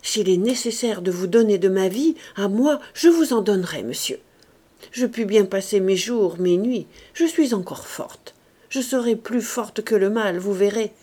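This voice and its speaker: A woman's voice: a little slow, close to an everyday voice. A woman voicing a devoted, pious aging female servant who pleads and cries out. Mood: frantic pleading. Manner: pleading, crying out high and loud.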